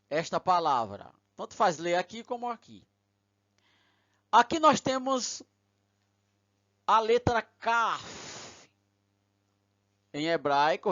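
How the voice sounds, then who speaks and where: A man's voice: sits high, fairly bright tone, no echo. A man, lecturing patiently step by step and often checking in with his listeners. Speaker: teacher. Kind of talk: recorded lecture. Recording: dull lo-fi recording.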